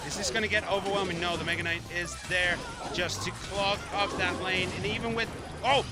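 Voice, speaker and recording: Esports caster, male, high-pitched, excitable, calls the play over a music bed. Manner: excitable, quick reactions, mock-scolds the player. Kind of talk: play-by-play commentary.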